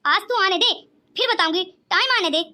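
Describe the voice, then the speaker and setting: A sharp-tongued middle-aged mother-in-law in a cartoon scolds her family and laughs easily, as a woman voices her. Her voice sits very high and bright. She talks in a scolding, teasing manner. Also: moderate pace, heavily acted. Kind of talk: cartoon voice acting.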